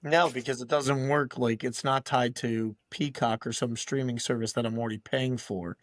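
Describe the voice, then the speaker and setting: A man's voice: medium pitch, steady tone, normal speed. A man co-hosting a casual wrestling podcast, opinionated and emphatic in his takes. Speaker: podcast co-host. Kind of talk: casual chat.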